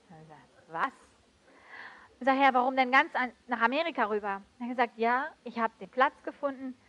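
A woman preaching a sermon with emotive swings between loud outbursts and soft, hushed passages. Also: sits high. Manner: switches briefly into English.

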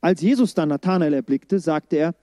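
A man giving a casual, lively sermon, acting out the quoted lines in everyday speech. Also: a little high, normal speed, no room sound, clean studio sound. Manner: lively, colloquial, acts out quotes. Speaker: preacher.

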